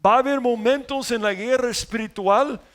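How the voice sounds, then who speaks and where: A man preaching a sermon as pastor, telling stories and swinging between loud emphasis and quiet asides. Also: extremely high pitch, moderate pace.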